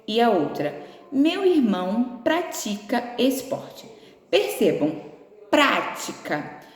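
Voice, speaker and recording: A woman with a Brazilian Portuguese accent teaching a remote class, explaining each task patiently and slowly with affectionate little words. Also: mid-range voice, a little mellow. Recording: echoey room with long reverb.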